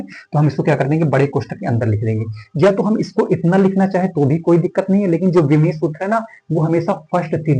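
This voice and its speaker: A man's voice: fairly high pitch, dark tone, rough recording. A male physics teacher lecturing at a board, asking and answering his own questions and starting nearly every sentence with "okay". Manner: filler "theek hai" starting most sentences.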